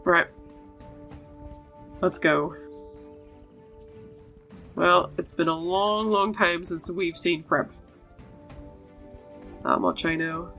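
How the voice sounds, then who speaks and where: Over game music, this gaming host talks in a lowish, bright, forceful voice, animated and full of drawn-out words and frequent pauses. She chats casually as she plays, reads dialogue aloud, and addresses herself and her virtual animals.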